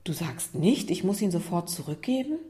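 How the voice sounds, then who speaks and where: A woman's voice: medium pitch, lively intonation, a little slow, lightly acted. A woman doing a cheerful little schoolgirl. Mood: surprised. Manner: gentle, secretive whispering at times. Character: young schoolgirl, cheerful but torn.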